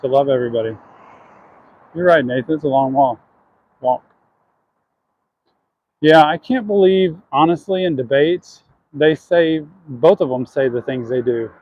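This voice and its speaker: A man's voice: mid-range voice, lively intonation, unhurried, pauses often, highs cut off, slight background noise. A man chatting earnestly to his viewers while walking down city streets, answering questions from chat.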